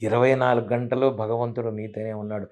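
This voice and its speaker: A man's voice: mid-range voice, little pitch movement, brisk, darkish tone. Emphatic preachy man teaching devotion. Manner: emphatic, preachy, full of rhetorical questions. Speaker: spiritual teacher, guest. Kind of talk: devotional interview talk.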